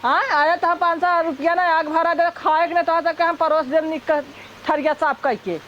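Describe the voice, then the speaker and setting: A woman playing a sharp-tongued, unyielding village sister-in-law with an Awadhi accent, scolding scornfully in a comedy skit. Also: very high voice, fairly even intonation, moderate pace, lo-fi sound. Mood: scornful, refusing. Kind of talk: broad rural comedy skit acting.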